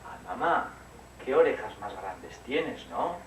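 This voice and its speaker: A man voicing a small girl in a storybook, speaking higher and slowly questioning. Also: expressive, a bit bright. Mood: wary. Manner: raised pitch, slow questioning. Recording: roomy room, distant mic, noisy.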